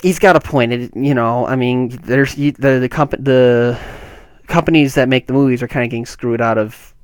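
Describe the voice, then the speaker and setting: A man from Canada talks through the week's tech news in a loose, casual way, circling back with restarts and fillers as he thinks aloud. His voice sits at an ordinary middle pitch. The sound is dry and close, with no room echo. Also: fairly even intonation, moderate pace, smooth. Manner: rambling, many restarts and fillers. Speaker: tech vlogger.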